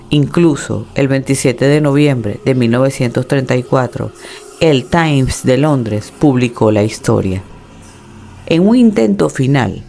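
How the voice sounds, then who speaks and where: A man reading a scripted horror story in a dramatic, measured storytelling manner. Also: medium pitch, creaky, darkish tone.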